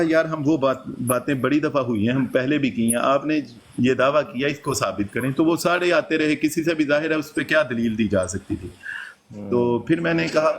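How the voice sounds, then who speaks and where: A man's voice: on the high side, slight background noise. A man casually recounting a debate, quoting his own lines back and forth as he tells it. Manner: recounts events and quotes himself in lively dialogue. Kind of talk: casual storytelling.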